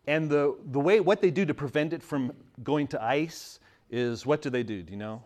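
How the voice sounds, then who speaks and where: A man in his thirties from Montreal telling a family story in a casual, animated way, often laughing and restarting his sentences. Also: fairly high pitch, normal speed. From Montreal, Canada.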